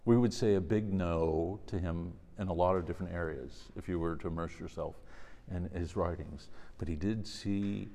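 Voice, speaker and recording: Low voiced guy, priest doing a thoughtful talk and prayers, big echoey hall reverb. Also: fairly even intonation, normal speed, warm tone. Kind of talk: religious lecture and prayer. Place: large reverberant indoor room.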